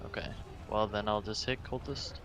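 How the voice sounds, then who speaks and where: A man's voice: lowish voice, steady tone, moderate pace, noisy background. A man playing a tabletop game, easygoing and checking what his character can reach. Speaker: player. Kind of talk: casual tabletop play.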